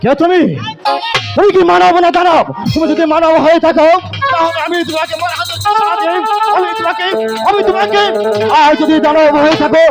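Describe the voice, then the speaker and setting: Bossy suspicious god in village theatre, super hammy n singsong, really high voice, talks fast. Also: male voice, steady tone. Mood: challenging, threatening. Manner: hammy, declamatory folk stage acting with drawn-out singsong lines. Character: Shiva, imperious wandering male god, demanding and suspicious. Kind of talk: Bengali jatra folk theatre acting. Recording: music behind the voice.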